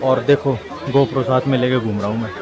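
A man's voice: medium pitch, steady tone, normal speed, crowd noise. Chatty young man vlogging in a crowded market. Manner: chatty, addresses viewers as brother. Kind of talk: casual walking vlog. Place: busy outdoor market street. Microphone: camera held at arm's length. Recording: crowded street noise.

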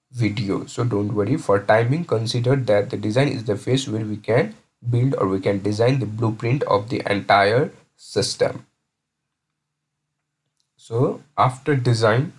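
A man lectures over slides. His voice is a little husky. He works through each point step by step, often restarting phrases and repeating words as he explains. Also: medium pitch.

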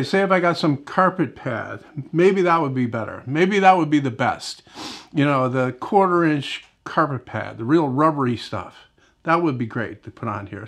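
A man's voice: fairly high pitch, a bit bright. A middle-aged man hosting a woodworking video, talking casually in his home workshop, rambling and correcting himself as he goes. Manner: rambling, conversational, self-correcting, lots of "right?" and "you know". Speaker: woodworking channel host. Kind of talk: casual workshop demo talk. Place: home woodworking shop, indoors.

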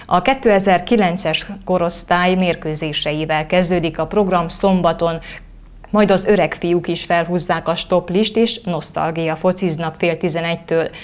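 Woman news presenter, lowish voice. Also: steady tone, clear, resonant tone. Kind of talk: scripted news narration.

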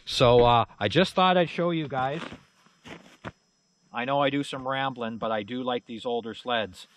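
The recording is rough, with a little hiss or hum, as a middle-aged channel host talks unhurriedly in a medium-pitched voice. Outdoors in a snowy yard, he rambles casually while showing off snowmobiles, his folksy, plain-spoken speech full of "you know" and "uh."

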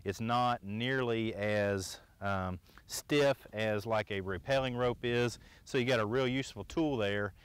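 A man's voice: lowish voice, measured pace, few pauses, smooth, dry recording. A middle-aged man teaching outdoor skills in a plainspoken, casual way, often checking in with the viewer, recorded outdoors in the woods on a clip-on mic. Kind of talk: casual instructional demonstration.

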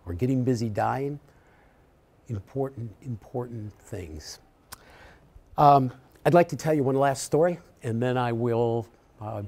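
A man in his sixties from the US Midwest, a retiring professor telling heartfelt stories in a farewell lecture, reflective and halting. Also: medium pitch, darkish tone. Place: lecture hall.

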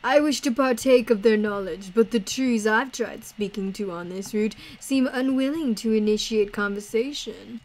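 A woman's voice: on the high side, moderate pace, few pauses, darkish tone, natural voice, poor audio. A woman reading a formal, eloquent male dreamer. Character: formal, dreamy male traveler planning a circus.

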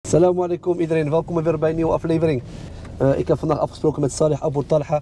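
A Moroccan Dutch man chats quickly and casually as an interviewer. His slightly raised voice carries street slang and Arabic interjections. Clear outdoor noise and traffic sit behind him. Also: on the high side, flat delivery, mellow. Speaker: interviewer and show host. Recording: noisy outdoor recording with traffic.

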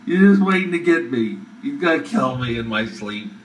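A man's voice: mid-range voice, expressive, moderate pace, recorded from a distance, poor audio. A man improvising theatrically as he films, swearing and reacting with melodrama, speaking indoors into a handheld phone. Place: indoors at a metal sink. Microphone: handheld phone camera.

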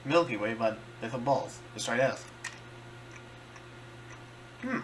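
A man doing a casual food-tasting vlog, halting and searching for words as he chews and talks. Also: medium pitch, a little hiss or hum. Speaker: vlogger.

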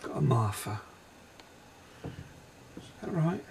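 Gravelly man relaying psychic impressions. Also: medium pitch, sing-song, darkish tone, slight background noise. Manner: hesitant, halting descriptions with many pauses. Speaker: psychic medium. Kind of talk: paranormal investigation commentary. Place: inside a railway carriage.

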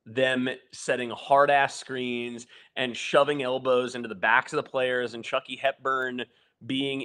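A young man co-hosts a casual postgame sports podcast over a video call, rambling analytically through the matchup with many fillers and restarts. His mid-range voice is a bit bright with a clean tone.

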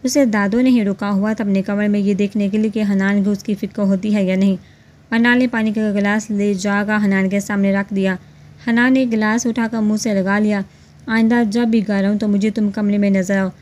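A woman narrating a romance novel in a steady, even reading voice. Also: medium pitch, fairly quick. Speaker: storyteller.

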